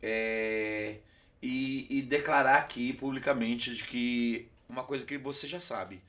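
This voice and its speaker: Bright-voiced São man hosting. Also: medium pitch, steady tone, takes it slowly, highs cut off. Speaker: host. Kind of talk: casual interview chat.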